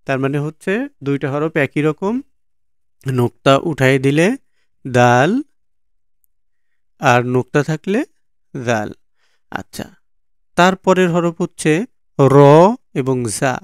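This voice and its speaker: A man's voice: a little high, lively intonation, takes it slowly, long pauses, smooth, no room sound, clean studio sound. A Bangladeshi man teaching Quran letter pronunciation from slides, patiently repeating each sound many times. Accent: Bangladeshi Bengali. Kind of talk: slow slide-based lesson on letter pronunciation.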